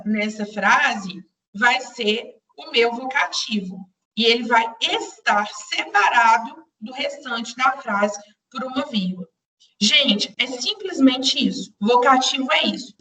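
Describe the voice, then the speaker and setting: Bright woman teaching a class. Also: a little high, recorded from a distance. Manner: patient, repeats explanations, addresses students directly. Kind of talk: live online grammar class. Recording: roomy echo, voice away from the mic.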